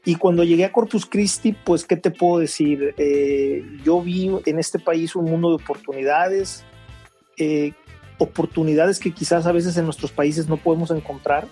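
A middle-aged man, talking through his life story as an interview guest. His voice sits a little high but sounds warm and slightly husky, with soft music faintly underneath. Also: steady tone. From Mexico (Veracruz). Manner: unhurried, many restarts and fillers. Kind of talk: conversational interview.

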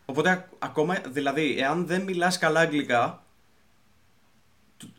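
A man co-hosting a podcast in casual conversation, speaking haltingly with frequent restarts. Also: on the high side, fairly bright tone. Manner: halting, restarts words, mixes in English terms. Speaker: podcast co-host.

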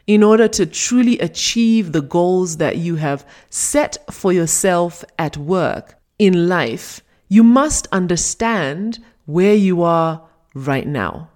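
A woman giving a scripted motivational talk, telling a fable in a deliberate, emphatic way. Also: on the low side, a little mellow. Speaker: motivational speaker.

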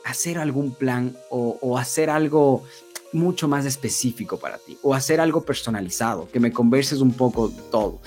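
An Ecuadorian-accented sales and marketing trainer speaks at a medium pitch with a somewhat dark tone. His sales lesson is informal, built around role-played examples, and he keeps checking in with quick tag questions.

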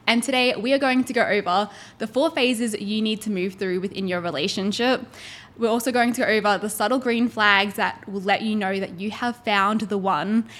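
A woman's voice: mid-range voice, normal speed, fairly bright tone. Upbeat woman podcast host. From Australia. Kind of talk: casual chat.

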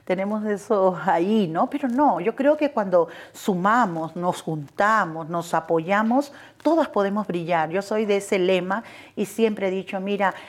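A woman's voice: medium pitch, measured pace. A woman co-hosting a television talk show, asking questions in an affirming way. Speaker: co-host.

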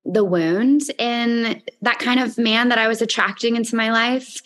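A woman's voice: fairly high pitch, fairly even intonation, unhurried, a bit bright. A woman hosting a podcast conversation, speaking earnestly with frequent "like" fillers and easy laughter. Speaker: podcast host. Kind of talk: casual conversational interview.

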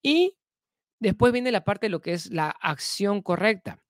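A speaker talks through a self-help lesson at an ordinary middle pitch, recorded close with a dry sound. They repeat key phrases twice and ask rhetorical questions. Each new point is linked with a steady "entonces". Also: a little slow, no echo. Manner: leans often on the filler "entonces".

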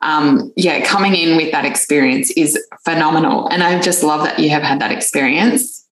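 Woman host, slightly low voice, eager and warm-hearted, echoey room. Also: moderate pace. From Australia. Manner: enthusiastic, laughs often. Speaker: podcast host. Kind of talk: casual interview talk.

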